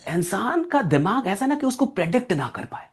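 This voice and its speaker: Male speaking coach from India, motivational lecture, lively delivery with big swings in volume. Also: sits high, normal speed. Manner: animated, swings between loud and soft, keeps asking "right?".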